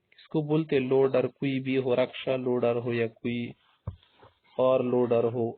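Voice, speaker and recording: A man teaching a vocabulary lesson, who asks his own questions, answers them and repeats each word several times. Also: mid-range voice. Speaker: Arabic teacher. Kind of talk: Urdu-language vocabulary lesson. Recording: tinny phone-like audio.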